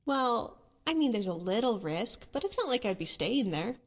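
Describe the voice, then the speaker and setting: With music beneath her, an actress speaks as a young fantasy-game companion, a bold adventurer and hunter troubled by guilt. Her on-the-high-side voice is sing-song and moderately paced, conversational, with a casual, coaxing mood.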